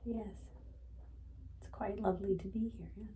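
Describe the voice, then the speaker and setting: A woman's voice: medium pitch, steady tone, moderate pace, mellow, far from the mic, slight background noise, lightly acted. A woman seance medium voicing a channeled spirit guide, formal and serene, in stilted instructive phrasing with questioning tags. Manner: formal, stilted phrasing, frequent tag "yes?".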